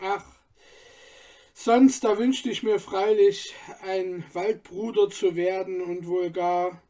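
Male reader doing a soft-spoken storybook boy, earnest, slow. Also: high voice, steady tone. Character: poor boy, gentle and kind-hearted. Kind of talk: storybook reading.

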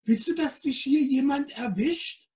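A man voicing a tiny, cheeky female Christmas fairy who squeaks and bosses people around. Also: unhurried, darkish tone, recorded from a distance. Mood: scolding. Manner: bossy, mocking, squeaky.

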